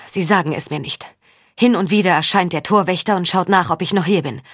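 A woman voicing a hoarse, proud young countess who sounds weary and defiant, in an audiobook. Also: fairly low pitch, a little fast, no echo, clean studio sound. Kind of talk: audiobook character voice.

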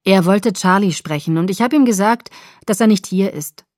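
Irritated young man, muttered and gruff, read by a woman, dry recording. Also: mid-range voice, normal speed, a little mellow, no echo, natural voice.

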